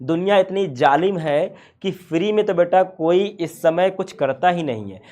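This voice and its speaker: A man's voice: high voice, expressive, measured pace, darkish tone. A man teaching a science class, playful and full of rhetorical questions to his students.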